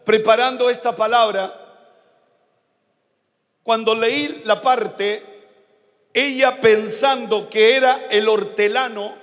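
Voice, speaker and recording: High-voiced Chilean pastor preaching slowly. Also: male voice. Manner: slow, emphatic preaching with shouted climaxes. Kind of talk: sermon. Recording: long hall reverb.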